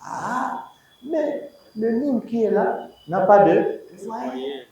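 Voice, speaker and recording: A man's voice: high-pitched, expressive, slow, vocal fry, a crowd in the background. A man teaching a university class, repeating key words and quizzing his students. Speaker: Biblical Hebrew lecturer. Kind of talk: university lecture. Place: university lecture hall. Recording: roomy echoing hall, voice from far off.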